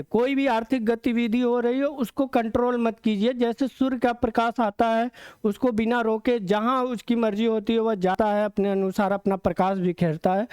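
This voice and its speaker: A male teacher gives an exam-prep lecture in a smooth, clear voice. He explains step by step, repeats key terms and asks himself questions before answering them. The sound is close and dry, with no room echo. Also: extremely high pitch.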